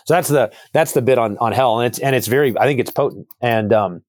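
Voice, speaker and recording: A man's voice: mid-range voice, brisk, no room sound, studio quality. A man, an author and guest, talking thoughtfully through theological ideas and often repeating words as he builds a point. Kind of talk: reflective theological conversation.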